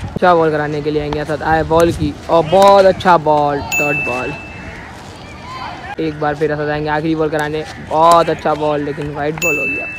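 Recorded on a phone outside, this clip has a man narrating a casual street cricket game delivery by delivery, using a set, repeated formula. His voice runs a bit high, his tone stays level, and he speaks at a moderate pace over background noise.

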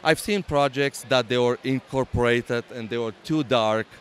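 A Romanian man who builds and exhibits LEGO talks about his creation in an informal convention hall interview, sounding hesitant, with many fillers and restarts in his accented speech. His pitch is medium and his speed normal.

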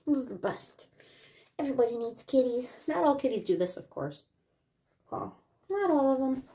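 High-voiced woman cooing at her cats. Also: vocal fry, breathy edge, low-quality recording. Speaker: cat owner. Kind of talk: home pet video. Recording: loud cat purring close to the mic.

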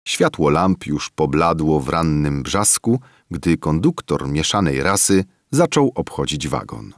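A man narrating a classic novel as an audiobook, in a measured, expressive storytelling manner. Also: a bass voice, no room sound, studio quality.

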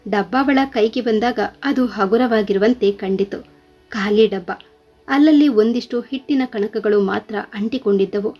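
A woman reading a scripted story aloud in a steady, earnest way. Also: medium pitch, unhurried, breathy edge, faint music behind.

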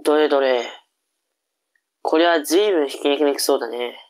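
A woman's voice: low-pitched, moderate pace, darkish tone, natural voice. A woman voicing a cocky, teasing young older brother in a comic tongue-twister reading drama.

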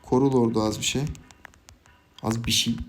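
A young man giving casual, jokey live commentary on his own game, swinging from quiet planning to loud, laughing outbursts. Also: medium pitch, moderate pace. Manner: excitable, jokey, shouts and laughs at big plays. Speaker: gaming YouTuber.

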